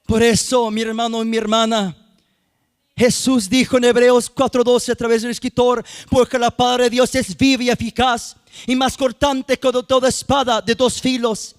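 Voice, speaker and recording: A man's voice: extremely high pitch, flat delivery, normal speed, clean tone. A man preaching a sermon as youth minister, repeating phrases and addressing the congregation as brothers and sisters, sometimes lilting into a sung cadence. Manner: repetitive preaching with frequent "hermanos y hermanas" and sung-out phrases. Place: church sanctuary.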